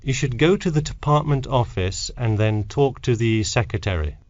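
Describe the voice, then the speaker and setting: A man playing a helpful, matter-of-fact university tutor in a scripted textbook dialogue, with deliberate intonation. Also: mid-range voice, lively intonation, highs cut off, close to an everyday voice. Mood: advising. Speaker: academic adviser in a listening-test dialogue.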